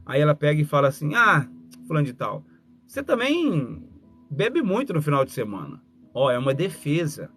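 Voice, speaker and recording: Lively man giving a motivational talk. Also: a little high. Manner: animated, acts out little dialogues, speaks straight to listeners. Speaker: communication mentor and speaker.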